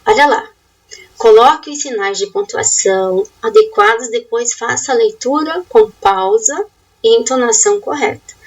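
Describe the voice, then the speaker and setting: Female teacher, high and animated, quizzing pupils through an exercise, voice slightly off the mic. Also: normal speed, creaky, far from the mic, lo-fi sound. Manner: asks questions and gives step-by-step instructions; rising, emphatic teacher intonation. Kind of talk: remote lesson going over a worksheet.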